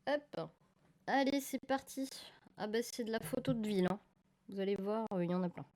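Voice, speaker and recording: This woman talks quickly with a dark, mid-range voice and fairly even intonation during a live film photography stream. She chats casually with viewers as she works and often fixes her wording mid-sentence; her desk microphone yields slightly crackling stream audio.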